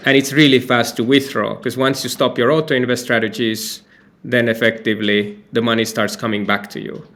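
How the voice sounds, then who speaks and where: A man's voice: mid-range voice, brisk. Man answering interview questions. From Finland. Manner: relaxed, talkative, frequent restarts and fillers. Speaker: company founder and CEO, guest.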